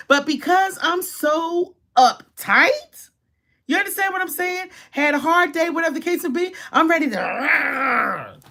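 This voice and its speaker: A middle-aged woman, giving casual relationship advice to viewers in an animated, preachy way and acting out quoted scenes. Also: high voice.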